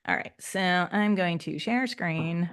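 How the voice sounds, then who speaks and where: Woman, marketing coach, lowish voice, relaxed and chatty, lots of fillers. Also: slow pace, clear, resonant tone. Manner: relaxed, filler-heavy explaining. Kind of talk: casual coaching session with screen share.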